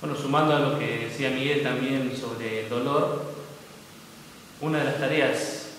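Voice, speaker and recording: A man in his forties with an Argentine Spanish accent, a permanent deacon giving an earnest, halting testimony to the camera. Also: mid-range voice, fairly even intonation, a bit bright. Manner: earnest, halting with many fillers. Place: small indoor room with yellow walls. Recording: echoey room with long reverb, faint noise.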